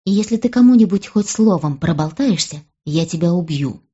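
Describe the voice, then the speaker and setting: A woman's voice: on the low side, lively intonation, normal speed, mellow, slightly rough, muffled recording. A woman voicing a proud, scheming young noblewoman who scolds and threatens her sister in an audiobook. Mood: hissing menace. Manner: bitter, cutting, hisses threats.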